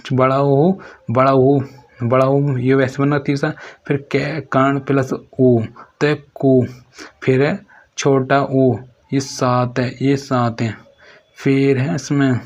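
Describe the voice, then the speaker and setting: A man talks through a grammar lesson for exam students, reading from his notes and repeating each phrase before he moves on. His delivery is unhurried and nearly flat in pitch. The recording sounds dull and lo-fi. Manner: slow and repetitive, restating each phrase. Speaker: teacher.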